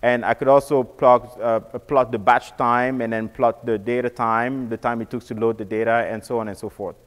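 A man's voice: medium pitch, level tone, normal speed. Man, casual tech presenter, stop-start delivery, long reverb on the voice. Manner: casual, repeats words and restarts often. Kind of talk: technical walkthrough.

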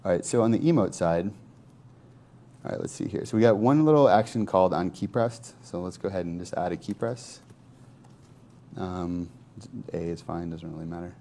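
A man casually demonstrating software on screen, thinking aloud in a loose, conversational way. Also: low-pitched, moderate pace, slight background noise. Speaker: software developer demoing a tool. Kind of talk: informal screen-share tech demo.

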